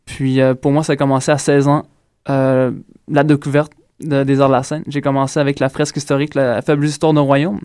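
Earnest and full of "euh" hesitations, a young circus school graduate from Ontario, raised in Quebec and carrying a Quebec French accent, responds to interview questions. He talks a little fast in a flat, medium-pitched voice that's mellow, clear and resonant, captured at studio quality without echo.

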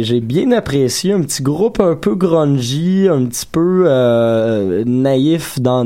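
A man with a Quebec French accent, co-hosting a casual radio chat, giving measured, dry comments with hesitations. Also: medium pitch, warm tone. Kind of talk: casual on-air chat reviewing a music contest.

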